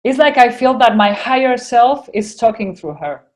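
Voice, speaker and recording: A young woman with an Argentinian accent tells her story as a podcast guest in casual conversation. Her voice is on the high side and animated, at a moderate pace, and she's chatty, with many fillers and restarts.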